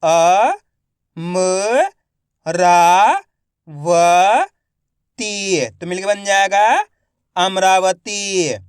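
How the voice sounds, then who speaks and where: Here the man's high voice is clear and resonant as he guides viewers, whom he treats as friends, through Hindi reading. Words are sounded out slowly, syllable by syllable, then repeated in full. The audio is studio quality without echo.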